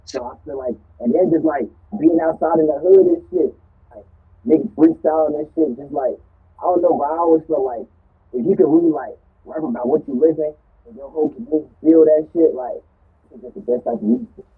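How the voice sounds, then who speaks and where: A man's voice: fairly high pitch, a little fast, husky. A man answering interview questions in laid-back, slangy casual talk, his voice muffled as if heard through a wall. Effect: muffled sound, as if heard through a wall. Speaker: interview guest, rapper. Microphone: remote call setup, speaking away from the mic.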